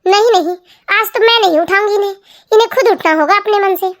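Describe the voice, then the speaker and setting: A woman's voice: very high voice, fast. A woman voicing a hopeful, sulky young wife in a comedy cartoon, chatty and talking to herself. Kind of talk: cartoon family comedy voice acting.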